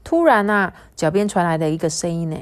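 A mother reading a storybook aloud to her child, animated and coaxing, pausing to ask questions. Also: on the low side.

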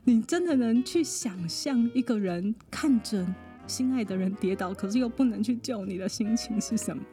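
A woman, a psychologist guest on a podcast, telling a personal story in a lively way, often laughing and mimicking other people. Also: on the high side, normal speed, soft background music.

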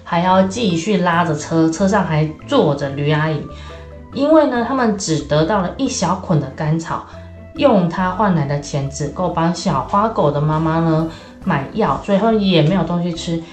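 A woman storyteller reads a children's tale in a lively, animated way and speaks straight to the young listeners. Her voice rings in an echoey room, and soft music plays behind her. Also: lowish voice, normal speed. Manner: lively, addresses children directly.

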